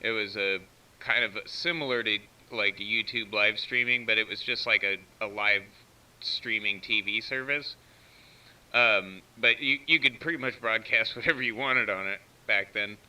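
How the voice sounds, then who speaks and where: This American operator streams live from a CB radio station, explaining tech things in a relaxed, step-by-step manner. His low voice is pushed, bright, and clean at a normal speed, though the feed sounds far away.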